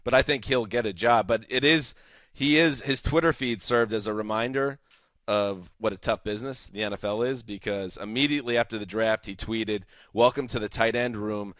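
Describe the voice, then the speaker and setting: A man's voice: on the low side, moderate pace, a bit bright, no room sound, studio quality. A man from the USA hosting a sports podcast in casual, jokey chat. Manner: jokey, teasing. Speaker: podcast host.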